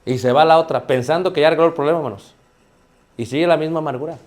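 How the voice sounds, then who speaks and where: Guy preaching, kinda high voice, talks to the church like a chat, lots of questions back at them. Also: very fast. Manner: conversational preaching with rhetorical questions to the congregation; repeatedly addresses listeners as brothers. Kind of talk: sermon.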